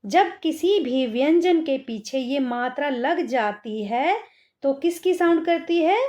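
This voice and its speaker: A woman teaching an online class to children, patient and direct, drawing out each word slowly as she reads it. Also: sits high, expressive, darkish tone. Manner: slow, drawn-out word dictation.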